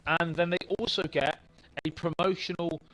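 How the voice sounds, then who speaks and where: A man's voice: on the high side, moderate pace, rough recording. A man commentating on a football video game tournament from a studio, giving play-by-play and lifting his voice on big plays. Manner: lively, rises on big plays. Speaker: esports commentator.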